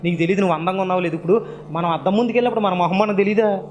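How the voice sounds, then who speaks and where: High-pitched preacher. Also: male voice, steady tone, rapid-fire, slight background noise. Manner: swings between loud emphatic peaks and low quiet asides; rhetorical questions to the congregation. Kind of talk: sermon.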